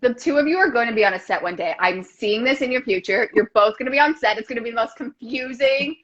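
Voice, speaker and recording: A woman in her thirties, a guest on a casual video call, effusive and gushing, talking in quick rushes. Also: fairly high pitch, a bit bright, muffled recording. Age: 30s.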